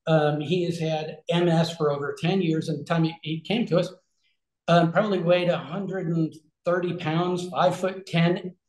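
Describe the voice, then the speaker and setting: A man's voice: on the high side, a little mellow. A man in his forties on a video call from a small room, explaining things in a conversational way with many fillers and restarts. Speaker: regenerative health concierge. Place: small room with shelves, indoors. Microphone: video call webcam. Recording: echoey room.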